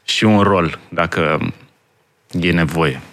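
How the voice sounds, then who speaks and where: A man's voice: deep voice, gravelly, fairly bright tone. A man, a guest musician, bantering and laughing in a casual radio chat.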